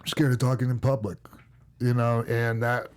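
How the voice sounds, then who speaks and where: A man's voice: medium pitch, level tone, normal speed. A middle-aged man with a Minnesota accent, telling stories on a podcast in a loose, rambling way full of fillers and restarts. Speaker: podcast host and former wrestler. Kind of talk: casual podcast storytelling.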